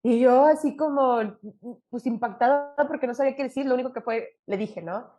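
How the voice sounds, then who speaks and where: A woman's voice: high voice, brisk, dull audio. A young adult woman from Mexico with a Monterrey accent, telling a stand-up story and acting out the people in it with frequent laughs. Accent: northern Mexican, Monterrey. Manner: animated, acts out quoted voices, laughs often. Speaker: stand-up comedian.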